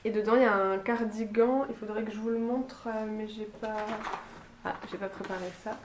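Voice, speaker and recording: A woman's voice: mid-range voice, fairly even intonation, moderate pace, reverberant, background noise. A woman with a Lille accent chatting casually to camera about her sewing projects, hesitant and full of fillers and restarts, at home. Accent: Lille, northern France. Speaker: sewing and knitting vlogger. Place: room at home with a bay window.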